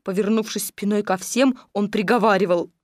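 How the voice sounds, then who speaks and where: A woman reads a children's story aloud at an even, expressive pace. Her voice sits in a middle range and is recorded close and dry. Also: mid-range voice, normal speed, dry recording. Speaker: narrator.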